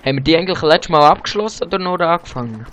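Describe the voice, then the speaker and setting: A man's voice: fairly high pitch, very fast. A young man with a Swiss German accent, chatting casually and swearing while playing a co-op shooter with a friend. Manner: swearing, laughing, excitable. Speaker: gamer. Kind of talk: casual co-op gameplay chat. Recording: faint game noise behind.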